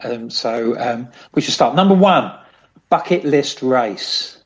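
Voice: mid-range voice, lively intonation, takes it slowly, rough recording. Offhand co-host with a mid-range voice. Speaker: podcast co-host. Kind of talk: casual chat, asking quick-fire questions.

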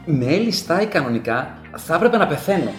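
Animated high-voiced man telling football stories. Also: echoey room, faint music behind. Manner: animated storyteller, jumps between hushed asides and loud bursts. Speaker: podcast guest. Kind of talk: casual banter about football.

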